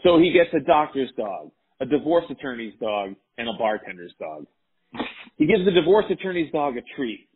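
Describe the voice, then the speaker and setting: A man's voice: mid-range voice, sing-song, moderate pace, husky. An American man hosting a casual interview, talking in an informal, buddy-like way. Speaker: podcast host. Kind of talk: casual chat. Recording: narrow phone-like call audio.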